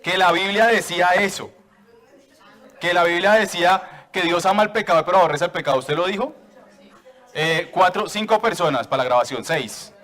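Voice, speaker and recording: Playful higher-voiced preacher in church. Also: male voice, moderate pace, a bit bright. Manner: playful, joking with the congregation; asks the church for raised hands. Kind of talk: sermon to a congregation.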